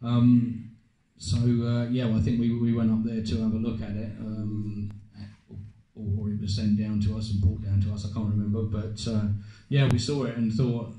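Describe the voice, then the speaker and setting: Low flat very dark voiced guy, hesitant, echoey hall. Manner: hesitant, halting, repeats words. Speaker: game developer guest. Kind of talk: panel interview recollection. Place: live event hall. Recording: echoey event hall, live stream.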